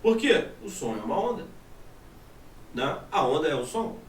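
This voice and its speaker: Brazilian male teacher, high voice, animated, echoey room far from mic. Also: moderate pace, slight background noise. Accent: Brazilian Portuguese. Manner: animated, asks and answers his own questions. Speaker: physics teacher. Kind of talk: classroom lesson. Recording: echoey room from a distant mic, faint ambience.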